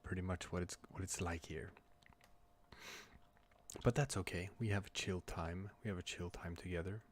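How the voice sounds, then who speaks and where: A man chatting casually on a livestream from home, talking quietly but clearly, soft and halting as if others are asleep nearby. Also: deep voice, steady tone. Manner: quiet but clear, soft late-night talking to avoid waking a child; halting, hesitant. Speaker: livestream host. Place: room at home.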